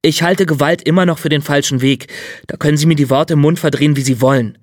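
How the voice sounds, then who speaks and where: A man's voice: on the high side, steady tone, fast, dry recording, studio quality, natural voice. A man voicing a guarded, hesitant young man in an audiobook reading.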